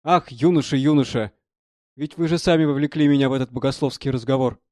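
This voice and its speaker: A man's voice: mid-range voice, fairly even intonation, a little fast, a little mellow, no echo, studio quality, close to an everyday voice. A man voicing a genial old prisoner who speaks in a mild, teasing, ironic way, in a storybook reading. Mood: sly.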